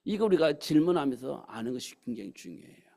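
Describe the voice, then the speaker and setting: A man's voice: medium pitch, sing-song, quick pace, gravelly, mellow. A man preaching a sermon in a church, often asking the congregation rhetorical questions. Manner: preaches with rhetorical questions and acted quotes of God's words. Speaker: pastor. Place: church sanctuary.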